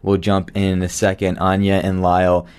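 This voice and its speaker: A man's voice: sits low, completely flat delivery, moderate pace, a little mellow, clear, resonant tone. A man hosting a live radio talk show from a studio, chatting in a friendly, conversational way with the odd filler word. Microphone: studio microphone.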